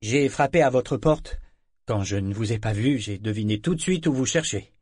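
A man's voice: on the low side, animated, moderate pace, a little mellow, breathy edge, dry recording, studio quality. A man reading an easygoing young sailor. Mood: friendly.

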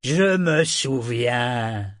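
A man's voice: expressive, drawn-out words, no echo, studio quality. Man putting on a bellowing giant blue sea serpent. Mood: roaring. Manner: bellowing, loud and high. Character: huge cobalt-blue male sea serpent, ravenous and furious.

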